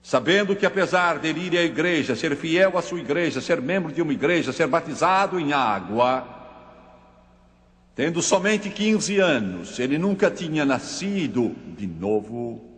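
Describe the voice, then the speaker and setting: A man preaching a dramatic sermon, telling a story in a slow, solemn, emphatic way. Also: on the high side, expressive, a bit bright, in a large hall.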